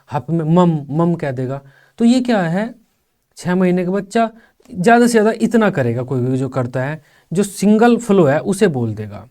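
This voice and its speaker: A young man teaching a teacher-training class, explaining step by step and slowly sounding out each syllable. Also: a little high, dark tone. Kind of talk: online exam-prep lecture.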